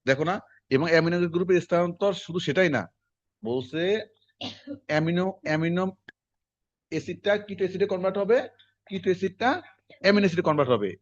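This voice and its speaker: A man, teaching a class in quick, conversational lecture style and quizzing his students as he goes. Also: high voice, dry recording. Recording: dull lo-fi classroom recording.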